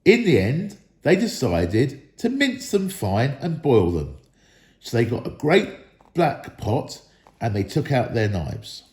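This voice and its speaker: A man who works as school staff reads a story aloud expressively, in the manner of children's storytelling. His medium-pitched voice is a little mellow, moves slowly, and swings widely in pitch. The room is echoey.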